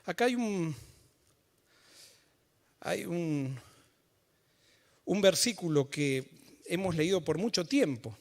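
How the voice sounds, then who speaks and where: A male pastor preaching a sermon in church, explaining scripture through everyday stories and building to emphatic, forceful points. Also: a little high, lively intonation, takes it slowly, long pauses.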